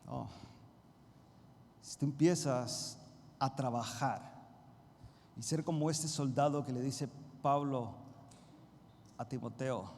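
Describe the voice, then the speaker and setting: A man's voice: medium pitch, slow pace, long pauses. Fiery man preaching in a big hall. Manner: swings from hushed to loud emphatic bursts; addresses congregation directly as brothers. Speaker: pastor. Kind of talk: sermon. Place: church sanctuary. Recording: reverberant church hall, faint noise.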